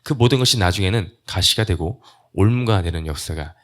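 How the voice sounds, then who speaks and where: A man's voice: low voice, brisk. A male pastor preaching an earnest sermon, retelling God's words in plain, everyday speech.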